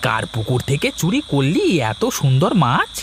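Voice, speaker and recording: A man's voice: medium pitch, wildly swooping pitch, moderate pace, slight background noise. Guy putting on a nosy village buddy, swoops way up and down, asking who he stole from. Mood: suspicious. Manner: suspicious, teasing questions. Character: nosy village man, the schemer's card-playing friend. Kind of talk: cartoon voice acting.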